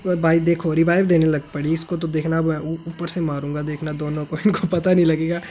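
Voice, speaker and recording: A young man commentating his own shooter gameplay, excitable and teasing, shouting at sudden kills and muttering smugly in between. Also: on the high side, a little fast, lo-fi sound. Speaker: gaming YouTuber.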